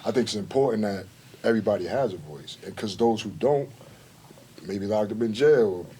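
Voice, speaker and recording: Middle-aged male artist, low voice, earnest, slow emphatic points, podcast chat. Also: lively intonation, dark tone, slight background noise. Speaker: guest artist.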